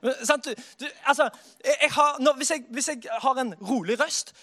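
A man preaching a sermon in a lively way, dropping soft and then rising to loud exclamations. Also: very high-pitched.

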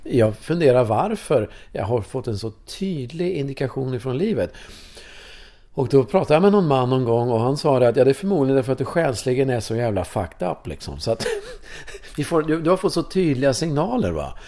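A man in his fifties from Sweden, a course leader telling personal stories in an interview in a casual, animated way. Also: mid-range voice. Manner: animated, casual, swears, tag questions. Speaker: course leader in sexuality and breathwork.

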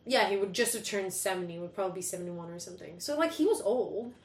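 A woman's voice: mid-range voice, expressive, fast. A young woman, talking candidly and casually as a podcast guest. She swears freely and laughs as she speaks. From Sweden. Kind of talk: casual conversation. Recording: echoey room.

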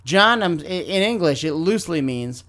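A man co-hosting a podcast in casual comedic chat, telling the story in a dry, deadpan way. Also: a little high, moderate pace. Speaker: podcast co-host.

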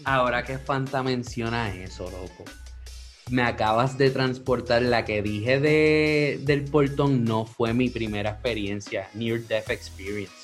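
A man's voice: mid-range voice, a little slow, faint music behind. A man telling a childhood story in casual chat, slipping English words in. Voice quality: animated, mixes English words.

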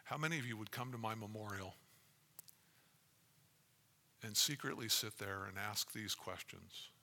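Male preacher, very sharp forceful voice, conversational yet emphatic sermon delivery, big echoing hall. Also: lowish voice, unhurried. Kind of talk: sermon to a congregation, with personal anecdotes. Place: large reverberant room, preaching to an audience. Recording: reverberant hall sound.

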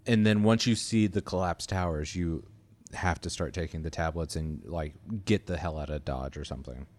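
Low voiced dude summing up the plot, dry and deadpan. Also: male voice, moderate pace. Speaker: podcast co-host. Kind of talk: casual chat.

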